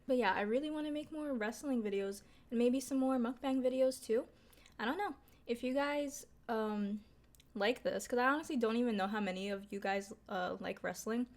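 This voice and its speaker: A fairly high-pitched woman with a somewhat dark tone vlogs over food, mukbang style. She's young and talks informally to her viewers while eating, using many fillers and some mild swearing.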